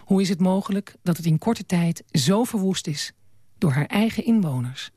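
A woman hosting a late-night radio show in a studio, gently asking questions and reading a book passage aloud. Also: on the low side, lively intonation, moderate pace, husky, no echo. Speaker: radio host.

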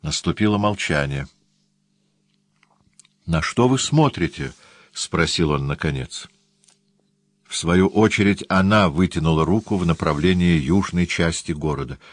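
A man reading a novel aloud as audiobook narrator in a measured, even manner. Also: low voice, dry recording, studio quality. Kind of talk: scripted narration.

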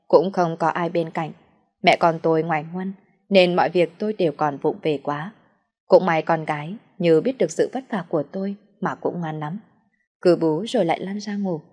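Woman reading a story out, low voice, steady and measured. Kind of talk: scripted audio story narration.

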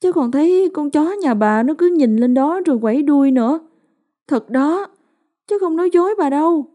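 A woman's voice: sits high, animated, fairly quick, mellow, voice pushed up. A woman voicing a frightened little boy who cries and stammers as he pleads for help. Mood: insistent. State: crying.

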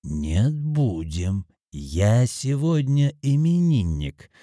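A man voicing a drunk, belligerent middle-aged man with an unsteady, shouting voice. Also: extremely low pitch, very slow, no room sound, clean studio sound, pitched below the performer's own voice, full character voice. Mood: drunken shouting.

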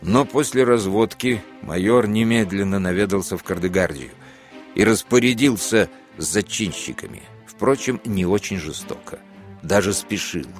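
A man narrating a classic novel as an audiobook in a measured, even reading. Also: lowish voice, soft background music. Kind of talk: scripted literary narration.

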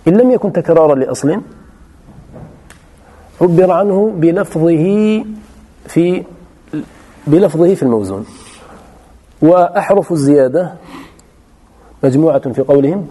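A man with a slightly high, dark and husky voice teaches Arabic morphology in a classroom lesson. He explains the grammar step by step, often repeating his key phrases.

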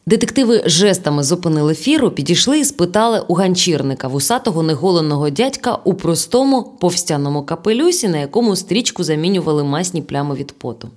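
A woman narrating an audiobook in a lively storytelling manner. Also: on the low side, quick pace, few pauses.

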